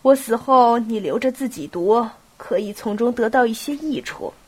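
Gruff old nobleman, curt and commanding, read by a woman with a cold and a husky higher voice. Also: normal speed. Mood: solemn. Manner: curt, clipped commands, bursts into shouting. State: has a cold. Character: stern, abrupt elderly male prince.

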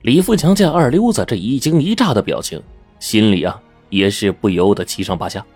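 一位男说书人以口语化的方式讲故事，语气生动，常带"啊""呢"等语气词。. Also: male voice, lowish voice, a little fast, breathy edge, faint music behind. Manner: lively, colloquial, chatty asides. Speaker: storyteller. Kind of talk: oral storytelling.

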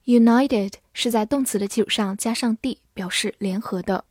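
A woman teaching English vocabulary in a scripted lesson. She spells words letter by letter and reads the example sentences slowly. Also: fairly high pitch, darkish tone, dry recording, clean studio sound.

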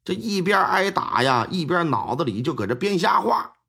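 Male storyteller, husky, very animated delivery, colloquial and wry. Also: high-pitched, moderate pace. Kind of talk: pingshu-style storytelling.

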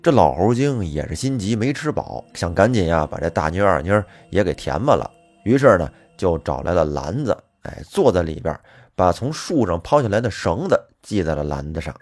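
A man telling a folk tale in a lively, colloquial manner with plenty of fillers. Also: deep voice, brisk. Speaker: storyteller. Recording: faint music behind.

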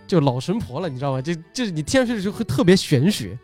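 Higher-pitched chatty male host over music. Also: very animated, quick pace, a little mellow. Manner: chatty, repeats short phrases. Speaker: host, video uploader and magician. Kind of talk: casual chat, introducing guests.

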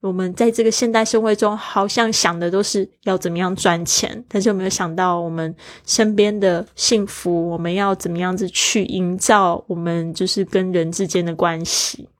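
A woman's voice: on the low side, steady tone, dry recording. Chatty woman teaching English, dry sound. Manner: chatty, explains English words slowly, then reads lines aloud in a slower voice. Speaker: English teacher reading a self-help book. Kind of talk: casual bilingual book lesson.

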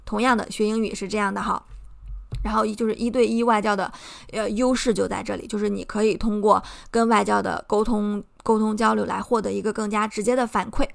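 A woman's voice: mid-range voice, fairly even intonation, a little fast, vocal fry. A young woman from China hosting a podcast, giving earnest, encouraging advice and explaining it step by step. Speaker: podcast host. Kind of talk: casual advice talk.

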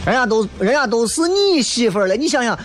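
A male host chats casually through listener messages. He is blunt and teasing in his everyday phrasing. Loud guitar music plays behind him throughout. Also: extremely high pitch, big pitch swings, quick pace. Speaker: host of an audio show.

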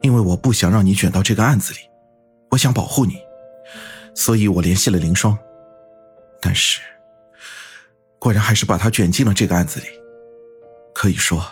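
A man voicing a calm, resolute young detective who speaks in a steady, solemn way in an audio drama. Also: fairly low pitch, breathy edge. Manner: steady, solemn, quietly devoted.

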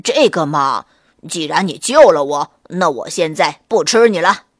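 A woman voicing a big, hungry male gray wolf in a children's story, loud and blustering, slow to catch on. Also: low-pitched, animated, no echo, studio quality, voice pushed down. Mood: puzzled.

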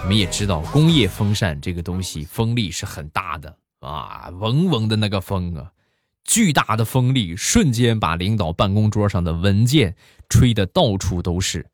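Lively low-voiced male comic storyteller. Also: moderate pace, no echo. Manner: animated, colloquial northern-style banter with many 啊 fillers. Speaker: comedic storyteller. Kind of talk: humorous anecdote telling. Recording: dry close mic with faint background music.

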